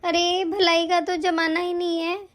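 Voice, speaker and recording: A woman voicing a sly older auntie in an animated story, sweet-talking and self-pitying. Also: very high voice, a little slow. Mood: defensive. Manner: sweet-talking, defensive, fake self-pity. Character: scheming older mother-in-law type woman, sly.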